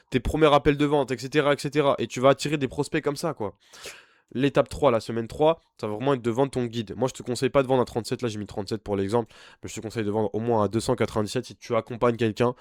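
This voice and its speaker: A man's voice: mid-range voice, darkish tone, no echo, clean studio sound. A young man working as an online business coach gives an informal screen-share tutorial. He talks bluntly and pushily, straight at the viewer. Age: young adult.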